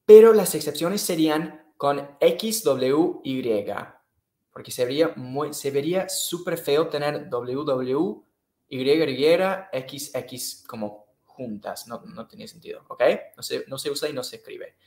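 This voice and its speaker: A man's voice: fairly high pitch, measured pace, dark tone, roomy sound. A man teaching English in a live online class, patiently repeating and checking in with the students. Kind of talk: live-streamed online lesson.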